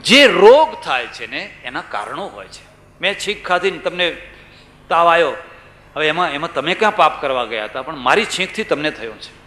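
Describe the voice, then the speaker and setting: Male preacher, bright voice, storytelling sermon with rhetorical questions, echoey room. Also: on the high side, sing-song, moderate pace. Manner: storytelling, rhetorical questions, acts out quoted people. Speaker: swami giving a religious discourse.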